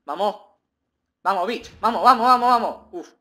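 A man giving excitable, rambling gameplay commentary, repeating himself and bursting into shouts. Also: high-pitched, normal speed. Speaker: gaming video creator.

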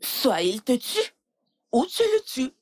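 A woman dubbing a film role as a calm older sister who pleads, soothes and repeats herself. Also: high-pitched, slow, husky, heavily acted. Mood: soothing. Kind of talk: dubbed film acting.

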